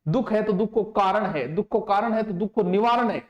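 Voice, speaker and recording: A man giving an exam coaching lecture in a fairly high voice. He speaks emphatically and repeats terms slowly so students can take notes. The voice bounces around a roomy, echoing space. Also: dull audio. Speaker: teacher. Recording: roomy echo.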